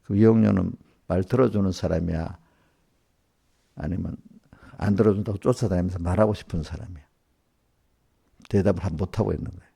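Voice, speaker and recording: A male pastor lectures a small group, firing off rhetorical questions in a scolding tone. His voice sits low and gravelly, with a dark, mellow timbre. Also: steady tone, fairly quick, pauses often. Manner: scolding, asks one rhetorical question after another. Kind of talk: small-group sermon addressing congregants directly.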